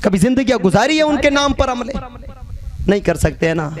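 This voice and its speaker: A man preaching a fervent sermon, hammering home rhetorical questions and repeated phrases that swell into shouts. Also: extremely high pitch, sing-song, moderate pace, a crowd in the background. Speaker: Islamic preacher. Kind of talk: impassioned Urdu-Hindi sermon.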